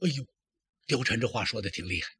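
Husky male traditional storyteller. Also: medium pitch, fast. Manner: lively, dramatic, talks to the listener.

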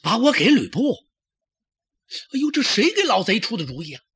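A man's voice: very high voice, huge pitch swings, normal speed, fairly bright tone, breathy edge, no echo, voice pushed up, exaggerated voice. A man voicing a tearful, cunning young concubine who pleads and protests in a traditional storytelling performance. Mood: alarmed.

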